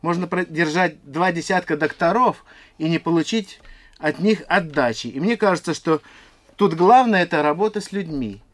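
A man in his fifties, an institute director, answering interview questions in an earnest, explanatory, slightly halting way. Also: a little high, animated. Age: 50s.

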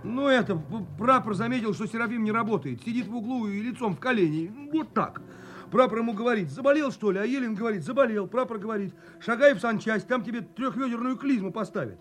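A timid young soldier in an army drama. His voice is strikingly high, and he chatters naively with eager stammers. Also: animated, quick pace, a bit bright. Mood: eager, flustered. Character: timid, chattering young conscript nicknamed chick.

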